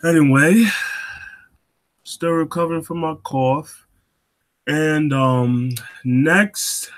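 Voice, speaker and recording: A young wrestling show host runs a casual talk show solo while recovering from a cold, coughing now and then. He speaks haltingly with plenty of ums and restarts, in a fairly high, fairly bright voice.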